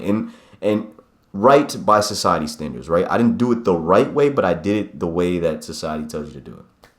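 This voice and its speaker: A man in his late twenties with a very low voice, chatting casually to camera. He rambles and corrects himself as he reflects out loud, in a room with a noticeable echo. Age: 20s. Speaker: vlogger. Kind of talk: casual talking-head vlog. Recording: echoey room.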